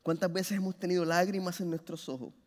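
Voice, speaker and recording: A man preaches in a high, bright voice, his words ringing out through a long, echoing hall. He swings between fervent, loud appeals and quiet, low-spoken lines, pressing his listeners with passion. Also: fairly even intonation, brisk. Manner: impassioned, swings from loud urging to hushed low phrases. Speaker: pastor. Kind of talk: sermon.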